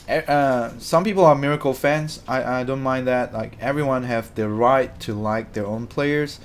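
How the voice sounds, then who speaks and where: Here a young Malaysian man talks at a normal speed in a medium-pitched voice, responding to his live-stream chat in a loose, rambling way and often correcting himself.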